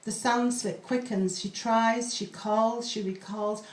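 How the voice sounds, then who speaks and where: A woman poet reciting in a slow, deliberate way, pausing between short phrases at an open mic. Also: on the high side, fairly even intonation, distant mic. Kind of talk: slow, measured poetry recital. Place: live open mic room. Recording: echoey room, off the mic.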